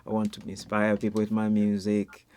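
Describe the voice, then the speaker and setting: Male host, fairly low voice, enthusiastic, chatty interjections, video call. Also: monotone, normal speed, darkish tone, clear, resonant tone. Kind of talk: interview chat.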